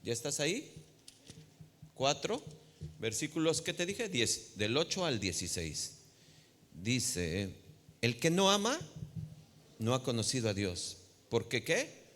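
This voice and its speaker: A man's voice: mid-range voice, sing-song, takes it slowly, long pauses, a bit bright. A man with a Mexican Spanish accent preaching a sermon, teaching and often asking the congregation questions. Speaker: pastor. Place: church. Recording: long hall reverb of a church.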